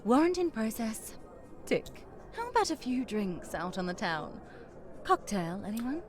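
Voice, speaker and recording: A sly, arch noir socialite. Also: female voice, fairly high pitch, very animated, a little slow. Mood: playful, teasing. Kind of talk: scripted video game voice acting. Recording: game music behind the voice.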